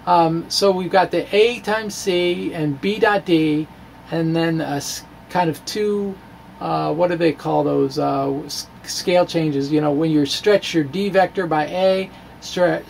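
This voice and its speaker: A middle-aged man, an informal science video blogger, gives an explanatory monologue that doubles as a dramatic reading of his own blog, wry and halting with bursts of theatrical emphasis. His voice is a little high. He speaks into a handheld-style microphone on a stand in a small room, with faint but clear background room noise.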